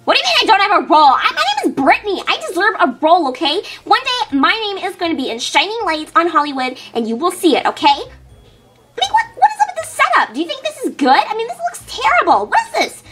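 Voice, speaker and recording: A woman playing a bossy, pushy female student with big dreams, talking fast and demanding. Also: extremely high pitch, very animated, fairly bright tone, soft background music, heavily acted. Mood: indignant. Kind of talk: comedy web-series acting.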